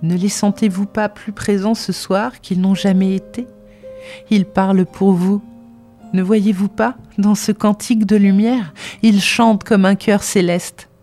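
A man's voice: on the high side, a little slow, mellow, faint music behind, lightly acted. A reader voicing an ailing devout man, weak yet exalted, who speaks in a fervent murmur, in an audiobook. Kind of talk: audiobook dialogue reading.

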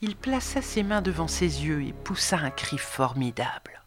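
A woman narrating an audiobook in the first person, expressive, swinging between soft and emphatic delivery. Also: deep voice, normal speed, over music. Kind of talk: scripted narration.

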